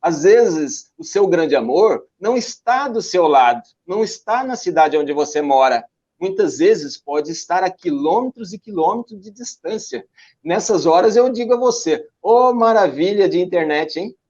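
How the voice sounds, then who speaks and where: An older Brazilian man with a fairly high voice speaks over a dull, lo-fi video call line. He tells his travel stories with enthusiasm and keeps asking himself rhetorical questions before he answers them. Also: animated, normal speed, a little mellow. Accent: Brazilian Portuguese. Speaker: interview guest, backpacker and teacher.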